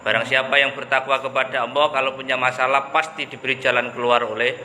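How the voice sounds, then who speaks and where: A man's voice: medium pitch, level tone, fast talker, pushed and bright. A man giving a casual religious talk, chatty and joking, mixing in local slang. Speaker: preacher. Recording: echoey room with background noise.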